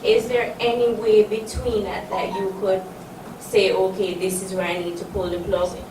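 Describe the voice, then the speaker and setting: A woman in the audience asking a measured question at a business symposium. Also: mid-range voice, flat delivery. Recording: distant mic in echoey hall, noise.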